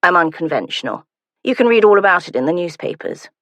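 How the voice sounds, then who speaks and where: A woman's voice: lowish voice, very animated, quick pace, a bit bright, dry recording. A woman voicing a young duke who sounds lofty and bored, grumbling at his companion in an audiobook.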